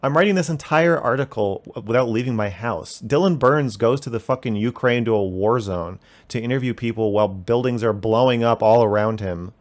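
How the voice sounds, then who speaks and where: A man's voice: medium pitch, brisk, few pauses. A young man hosting a call-in livestream, answering chat questions in a defensive, rambling way with plenty of swearing. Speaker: call-in show host reading chat.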